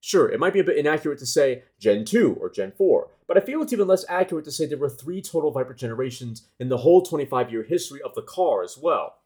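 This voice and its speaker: Animated man reading his own essay. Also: fairly high pitch, quick pace, hardly any pauses. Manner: analytical, with small self-corrections. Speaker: car enthusiast essayist.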